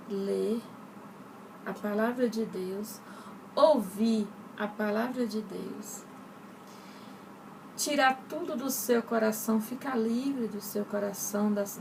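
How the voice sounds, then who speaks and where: A woman shares a personal testimony of faith, earnest and rambling as she turns to her listeners. Her voice sits a little high and carries a gravelly edge. She sounds set back from the microphone, with clear background noise. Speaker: testimony speaker. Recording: distant mic with noticeable background noise.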